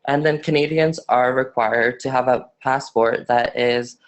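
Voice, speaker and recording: With a mid-range voice and fairly even intonation, a nineteen-year-old Afghan man presents in a student webinar. His speech is halting, marked by frequent fillers and restarts.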